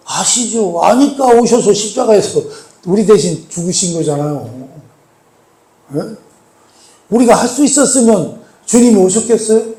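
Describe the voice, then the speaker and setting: A male pastor preaching a sermon, putting rhetorical questions to the congregation and leaning hard on key points. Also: high voice. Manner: emphatic, swells louder on key points. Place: church sanctuary. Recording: echoey church hall.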